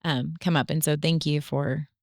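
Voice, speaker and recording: Earnest low-voiced woman co-hosting a podcast. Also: steady tone, moderate pace, no echo, clean studio sound. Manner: earnest, reflective, many fillers. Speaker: podcast co-host. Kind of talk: faith-based family podcast chat.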